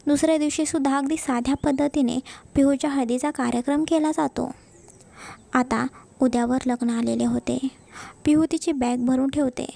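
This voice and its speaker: Woman reading a story aloud, gravelly and mellow, plain even delivery. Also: high voice. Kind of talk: storybook narration.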